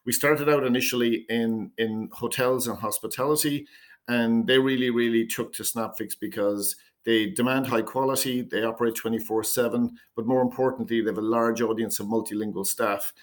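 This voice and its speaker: A man of middle pitch speaks as a company founder in an interview. He explains at an even pace, now and then repeating a word as he restarts a phrase. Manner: measured pitch, repeats words when starting phrases. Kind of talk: business interview answers.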